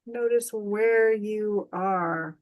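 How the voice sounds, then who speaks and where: The recording has a lo-fi sound as a woman with a medium-pitched voice leads a guided meditation. Her manner is soft, soothing and slow, with long gaps between phrases.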